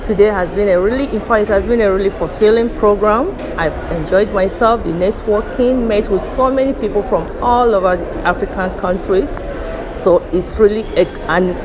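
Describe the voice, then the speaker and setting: A woman's voice: mid-range voice, moderate pace. A woman from Nigeria, speaking enthusiastically about a summit she attended. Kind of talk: conference testimonial. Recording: outdoor ambient noise.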